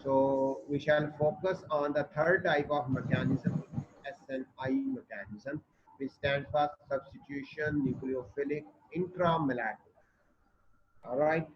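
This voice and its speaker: Man, North Indian accent, slightly high voice, classroom lecturer, explanatory, muffled sound. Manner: explanatory, checks understanding with short tag questions. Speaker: chemistry lecturer. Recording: dull muffled audio with background noise.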